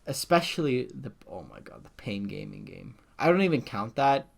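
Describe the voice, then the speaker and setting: A man's voice: medium pitch, very animated, normal speed, gravelly, husky. A man co-hosting a casual esports podcast, ranting animatedly with frequent swearing and laughter. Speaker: podcast co-host.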